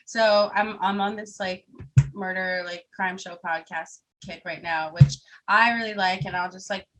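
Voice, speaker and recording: A woman's voice: mid-range voice, fairly even intonation, a little slow, background noise. A young woman, chatting casually as an interview guest, laughing often and full of fillers. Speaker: singer and keyboard player, guest.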